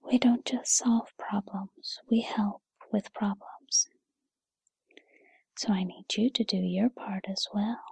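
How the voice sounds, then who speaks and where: A kindly, patient fairy godmother, played by a woman in a whispered role-play. She speaks in a very breathy, soft-edged whisper, taking her time. Her manner is soothing and encouraging as she reassures the listener. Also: mid-range voice, fairly even intonation, dry recording, heavily acted. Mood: gentle, reassuring. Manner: soothing, encouraging, unhurried second-person address.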